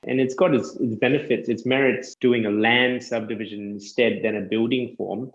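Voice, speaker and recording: A man who works as a land surveyor, chatting casually and explaining things step by step with quick self-corrections. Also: mid-range voice, fairly even intonation, echoey room, lo-fi sound. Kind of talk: casual podcast chat.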